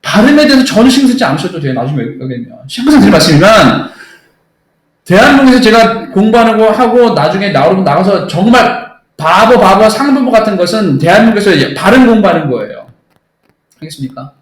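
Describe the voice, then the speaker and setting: Man, English teacher, classroom lecture, blunt and emphatic, high voice, echoey room. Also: expressive, a little fast. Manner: emphatic, blunt, keeps asking "understood?".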